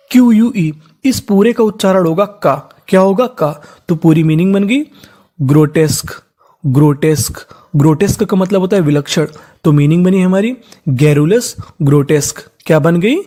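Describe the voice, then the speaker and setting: A teacher giving a spelling lesson who spells each word letter by letter, blends it slowly, and asks and answers their own questions. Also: medium pitch, warm tone. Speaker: English teacher. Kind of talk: spelling lesson, sounding out words.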